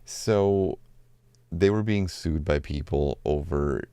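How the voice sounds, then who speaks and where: A man's voice: rumbling low, takes it slowly, mellow, clean tone, dry recording. A man hosting a solo gaming news podcast, talking casually with rambling asides and self-corrections.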